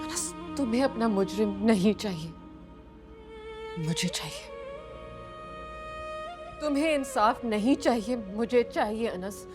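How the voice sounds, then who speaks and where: A defiant grieving wife. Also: female voice, a little high, expressive, takes it slowly, long pauses, music in the background. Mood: anguished. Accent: Pakistani. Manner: intense, bitter and accusing. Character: grieving defiant young wife, demanding justice. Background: drama score underneath.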